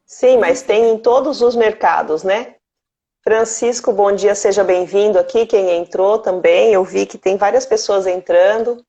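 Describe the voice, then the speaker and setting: A Brazilian woman of medium pitch hosts a live stream in an earnest tone and pauses to welcome viewers by name. The audio is dull and lo-fi, like a typical stream recording. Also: dark tone. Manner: earnest, greets viewers by name mid-story. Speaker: host.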